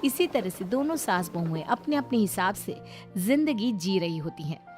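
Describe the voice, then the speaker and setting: A woman narrating a cartoon family story in an even, storytelling manner. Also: medium pitch, moderate pace, music in the background.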